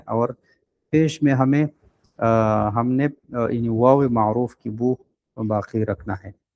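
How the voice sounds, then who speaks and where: A man teaching a Quran recitation class online. He explains patiently, fills pauses with drawn-out sounds, and models short vowel sounds slowly and deliberately. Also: medium pitch, a little mellow.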